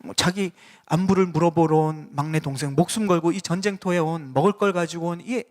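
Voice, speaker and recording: A man's voice: a little high, fairly even intonation, a little fast. A male pastor preaching a sermon in a church and putting questions directly to the congregation. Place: church sanctuary.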